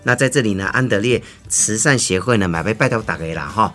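A man hosting a casual talk show interview, chatty and often ending phrases with a soft laugh. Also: fairly low pitch, lively intonation, fast. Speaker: radio talk show host.

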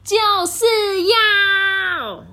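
A woman voicing a bossy young princess locked in a tower, crying out shrill demands. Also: animated, unhurried, a bit bright. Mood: shrieking.

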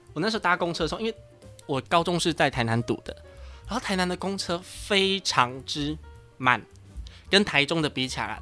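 A young man in his twenties with a Taiwanese Mandarin accent, hosting a casual podcast and telling a story in a loud, animated, ranting way. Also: fairly high pitch. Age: 20s. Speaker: podcast host.

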